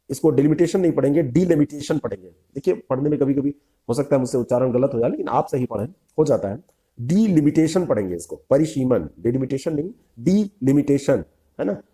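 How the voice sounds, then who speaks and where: A man's voice: mid-range voice, mellow. A man teaching an exam vocabulary lesson, reading each English term and then its meaning, repeating words and adding short asides.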